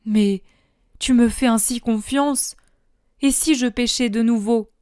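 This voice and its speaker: A woman's voice: on the high side, steady tone, takes it slowly, darkish tone, clean tone, no echo, clean studio sound. A woman voicing a terrified, remorseful man begging for mercy, in a raised, pleading voice. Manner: pleading and frantic.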